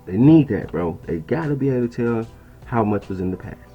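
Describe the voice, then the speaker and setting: A man's voice: mid-range voice, lively intonation, fairly quick, mellow, husky, faint music behind. A man reading an article aloud at his laptop and commenting on it in a casual, conversational way, often tossing in "right?" and "bro.". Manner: conversational, keeps asking "right?" and calling listeners "bro". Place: indoors at a laptop.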